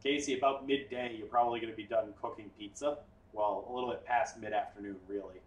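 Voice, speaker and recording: A man's voice: lowish voice, fairly even intonation, quick pace. A man acting as game master, narrating a tabletop game in a casual, explaining way. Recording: echoey room, far from the mic.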